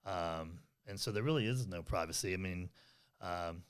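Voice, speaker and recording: A man's voice: sits low, moderate pace, clean tone. A middle-aged man co-hosting a parenting podcast, talking earnestly and rambling, with many fillers and restarts. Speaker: podcast co-host. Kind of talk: casual conversational podcast chat.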